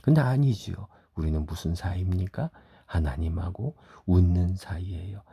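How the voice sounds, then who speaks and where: A middle-aged man preaching a sermon as a pastor, telling stories, acting out quoted voices and dropping at times to soft whispers. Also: low voice, moderate pace, creaky, slightly rough, dry recording, clean studio sound.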